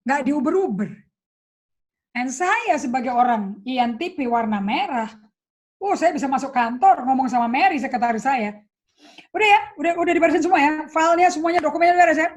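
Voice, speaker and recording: An Indonesian woman pastor preaching a sermon, animated and slipping English phrases into her talk. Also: high-pitched. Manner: animated, mixes English into speech, acts out dialogue. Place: church.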